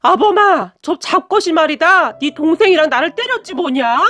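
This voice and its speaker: A woman putting on a shrill older mother-in-law. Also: lively intonation, fairly bright tone. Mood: whining. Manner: screeching, drawn-out accusations.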